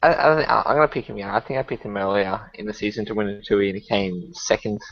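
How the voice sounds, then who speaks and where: A man co-hosting a podcast in casual chat, calm and measured as he explains his picks. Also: lowish voice, gravelly. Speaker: podcast co-host. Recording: dull lo-fi call audio with faint hiss.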